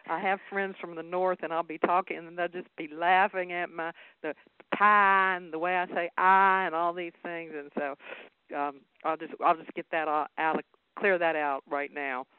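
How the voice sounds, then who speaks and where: A woman's voice: on the low side, steady tone, moderate pace, clear, resonant tone, dry recording. A woman with a Southern US accent, a guest speaker talking earnestly and laughing easily in a phone interview. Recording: tinny phone line.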